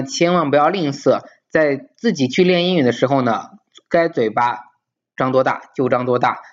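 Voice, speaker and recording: This English teacher's voice sits in the mid-range, captured with lo-fi sound. He leads a casual video lesson in an emphatic, coaxing way, frequently asking rhetorical questions.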